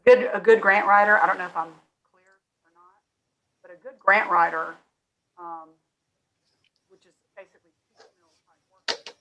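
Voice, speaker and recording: A woman's voice: mid-range voice, normal speed, very noisy. A woman on the fire district board, speaking in a remote meeting over a call line that keeps fading in and out. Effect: breaking-up call line that fades in and out.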